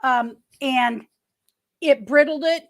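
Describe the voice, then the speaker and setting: A woman in her early sixties, hosting an easygoing livestream from home, talks and reads viewer comments in a rambling way, restarting often. She speaks slowly in a high voice.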